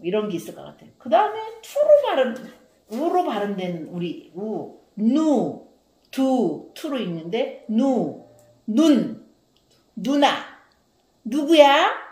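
A woman leads a slow children's phonics lesson, stretching out every syllable so it is heard clearly. Her voice rises and falls in a lively sing-song way. The sound is roomy and echoey. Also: medium pitch. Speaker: Korean language teacher.

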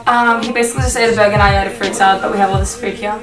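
A woman's voice: mid-range voice, fairly even intonation, very fast. A woman hosting a casual vlog chat in a hotel room, bubbly and giggly, saying "like" constantly. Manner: bubbly, giggly, filler-heavy with "like". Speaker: vlogger host. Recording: echoey room, distant mic, music behind.

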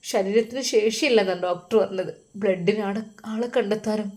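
A woman's voice: medium pitch, a little fast, darkish tone, lightly acted. A woman voicing a bitter, accusing older brother. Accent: Malappuram Malayalam. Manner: accusing, bitter, pressing questions.

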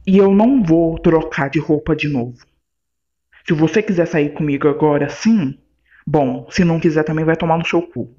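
This is a man bantering at home in a vlog, with a fairly high voice. He talks bluntly and throws out sharp retorts. The sound is dull and lo-fi. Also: moderate pace. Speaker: vlogger, partner of the host.

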